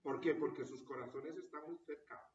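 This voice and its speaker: A man's voice: on the high side, fairly even intonation, moderate pace, a little mellow. A man, a parish priest, giving a teaching talk to parishioners and checking in with his listeners through a frequent questioning tag. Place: parish hall or church room. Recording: roomy, distant, dull sound.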